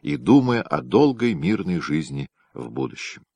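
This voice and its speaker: A man narrating an audiobook in a measured storytelling manner. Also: rumbling low, very animated, gravelly, a little mellow, no echo. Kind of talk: scripted narration.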